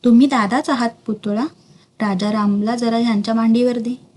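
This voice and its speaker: A woman's voice: a little high, steady tone, moderate pace, darkish tone, natural voice. Woman reading as a fond royal grandmother. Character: elderly royal grandmother, fond and gently scolding.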